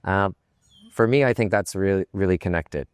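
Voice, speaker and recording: A male podcast host with a very low, smooth and resonant voice, speaking thoughtfully and feeling his way through each point. The recording is close and dry. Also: moderate pace, dry recording. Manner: reflective, hesitant, many "you know"s. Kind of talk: casual podcast conversation.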